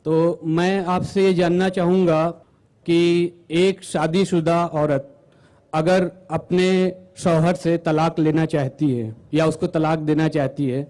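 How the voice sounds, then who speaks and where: A man's voice: a little high, darkish tone. A man in the audience, a dentist, formally asking a question and restating it in English.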